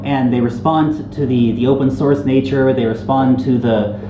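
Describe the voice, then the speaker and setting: A man's voice: mid-range voice, fairly even intonation, normal speed. A man hosting a casual interview, speaking in an enthusiastic, affirming way. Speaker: interview host. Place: indoor venue in Hong Kong. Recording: roomy, noisy ambience.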